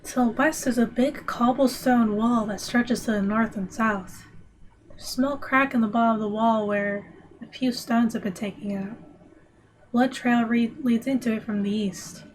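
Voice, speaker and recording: A woman with a fairly high voice streams a text adventure, reading its descriptions aloud. She trades them for wry asides muttered half to herself. A faint hiss sits underneath. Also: steady tone, normal speed, low-quality recording.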